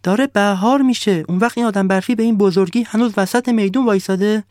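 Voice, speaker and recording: A man's voice: sits high, a little mellow, no room sound, studio quality, pitched above the performer's own voice, natural voice. A man voicing the sun in a storybook tale, exclaiming in surprise and pleading with villagers. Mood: astonished. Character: the sun, bright and warm-hearted, later saddened.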